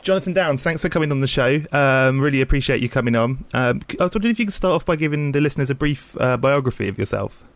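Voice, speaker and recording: A man's voice: mid-range voice, expressive, quick pace, few pauses. A man hosting a podcast, rambling casually with many ums and uhs. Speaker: podcast host. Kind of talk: casual show intro and interview. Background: music.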